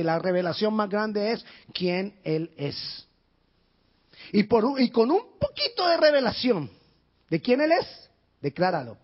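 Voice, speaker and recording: A male pastor preaching a sermon with passion, rising to shouts and dropping to near whispers. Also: slightly rough. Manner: impassioned, shouting in bursts then dropping low. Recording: dull lo-fi sound.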